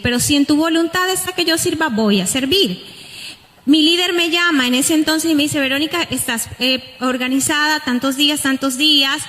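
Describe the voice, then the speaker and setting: Colombian woman sharing her testimony, kinda high voice, lots of church reverb. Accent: Colombian Spanish. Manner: earnest, heartfelt, with lively emphasis. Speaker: church worship singer giving a testimony. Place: church sanctuary. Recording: long church hall reverb.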